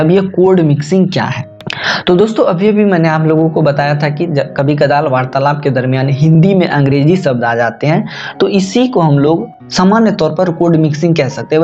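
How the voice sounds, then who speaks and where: A man's voice: a little high, darkish tone, lo-fi sound. A man, an online tutor, giving a lecture and explaining a grammar topic, often repeating and correcting himself as he speaks to his viewers as friends. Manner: repetitive, self-correcting, addresses viewers as friends.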